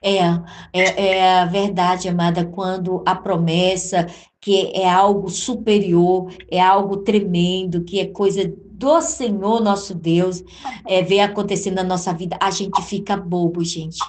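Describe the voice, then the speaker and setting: A woman's voice: on the low side, fairly even intonation, measured pace. A woman hosting a religious interview and telling a story of her own, in a preacherly way, addressing others as sister and beloved. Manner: warm preacherly, calls listeners amada and minha irmã. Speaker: interview host and gospel singer.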